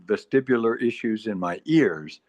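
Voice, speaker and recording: Halting 85-year-old man, low voice. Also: expressive, darkish tone, dry recording, highs cut off. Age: 80s. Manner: halting, repeats words, earnest advice. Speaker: meeting participant. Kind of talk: casual group chat. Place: retirement community.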